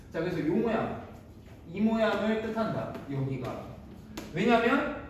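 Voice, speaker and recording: A man teaching a math class, chatty and digressive, bantering with his students in a casual way. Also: fairly high pitch. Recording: echoey room, mic at a distance, faint noise.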